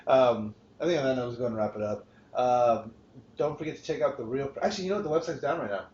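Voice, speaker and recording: A man's voice: mid-range voice, fast talker, darkish tone. Male podcast host, casual and profane, roomy lo-fi sound. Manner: rambling, swears freely, frequent restarts. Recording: roomy, dull lo-fi podcast recording.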